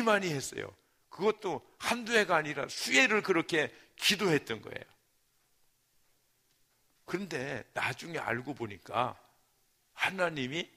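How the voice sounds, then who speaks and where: A male pastor preaching a sermon in a church, his voice slightly hoarse, moving from quiet asides to loud, heartfelt pleading. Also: fairly high pitch. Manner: emotional, swings from soft asides to loud fervent preaching. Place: church sanctuary. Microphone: handheld or stand mic.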